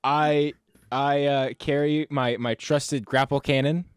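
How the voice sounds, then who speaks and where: Casting: male game-stream player, hesitant, unhurried, casual, recorded dry. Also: fairly high pitch, steady tone, clear, resonant tone, no echo. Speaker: player and tech operator. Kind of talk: casual, halting talk.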